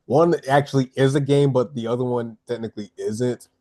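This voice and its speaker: A man's voice: mid-range voice, fairly even intonation, brisk, warm tone, dry recording, clean studio sound. A man co-hosting a casual podcast chat, enthusiastic and jokey. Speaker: podcast co-host.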